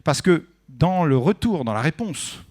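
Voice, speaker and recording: Man, conference speaker, animated pitch, slightly high voice, chatty. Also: unhurried. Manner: lively, conversational, asks the audience questions. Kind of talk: technical conference talk. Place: conference room.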